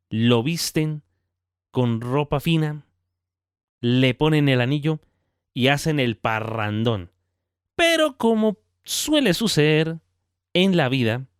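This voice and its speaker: Podcast guy telling a bible story, chatty, smooth clear voice, dry close sound. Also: mid-range voice, no room sound. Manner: conversational, animated storytelling with tag questions. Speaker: podcast host. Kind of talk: devotional talk retelling a Bible parable.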